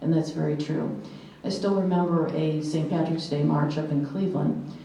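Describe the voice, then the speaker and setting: Speaking low and fairly evenly at a moderate pace, this sixty-something conference speaker has some vocal fry and a mellow tone. Recorded from afar in a reverberant hall, she lectures earnestly to a live crowd, weaving in personal stories and performing quoted lines.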